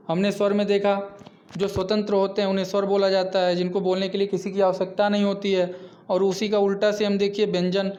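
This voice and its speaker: High-voiced man teaching Hindi grammar. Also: darkish tone. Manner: repeats examples, frequent "theek hai" check-ins. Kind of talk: online lesson. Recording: dull lo-fi recording.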